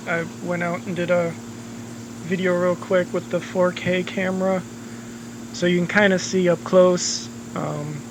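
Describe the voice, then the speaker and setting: Man, casual DIY vlogger, flat delivery, slightly raised pitch, dry close sound, hoarse edge, swears casually. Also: background noise. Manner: relaxed, rambling, lots of ums and uhs, swears casually. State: losing his voice. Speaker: homeowner vlogger. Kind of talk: casual home-repair vlog narration.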